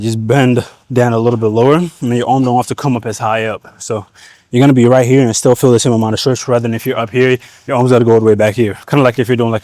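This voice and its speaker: A man's voice: mid-range voice, darkish tone, dry recording. A man vlogging from the gym, coaching viewers through a back workout in a laid-back, slangy way, a little out of breath. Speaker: fitness vlogger. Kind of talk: casual gym vlog talk to camera.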